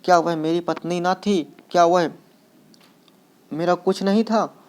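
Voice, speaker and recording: A man's voice: high voice, steady tone, unhurried, smooth. A man reading the part of an anguished young husband who is grieving and angry, his voice rising with emotion.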